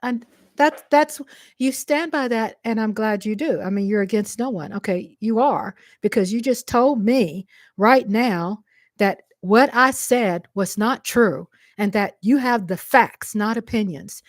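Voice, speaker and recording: A woman with a Texan accent delivers a fervent to-camera reply to one of her commenters, repeating phrases for emphasis. She speaks at a medium pitch and a somewhat slow pace, in a dry, clean studio recording.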